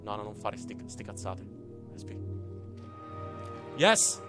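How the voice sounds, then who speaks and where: A young man from Italy commentating a platform game, excitable, swearing and exclaiming often. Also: lowish voice, slow, music in the background. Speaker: gaming YouTuber. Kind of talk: let's play commentary.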